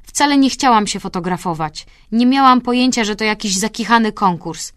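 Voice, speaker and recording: A woman's voice: fairly high pitch, moderate pace, a bit bright, clean tone, no room sound, clean studio sound, voice pushed up, natural voice. A woman voicing an insecure teenage girl who insists in a strained, tearful voice in an audiobook. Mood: defensive. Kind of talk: audiobook character voice.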